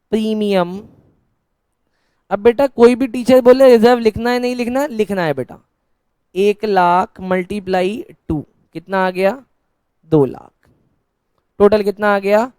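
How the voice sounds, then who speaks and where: A man's voice: high-pitched, darkish tone, smooth, no echo. A man teaching an accounts lesson in a classroom style, asking questions and answering them himself as if he were the students, with teasing, scolding banter. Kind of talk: classroom-style Hindi lecture.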